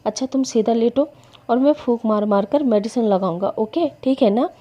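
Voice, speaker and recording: A woman's voice: fairly high pitch, normal speed, dark tone, close to an everyday voice. A woman voicing a flustered grown man in a storybook reading, soothing but awkward. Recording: dull lo-fi recording.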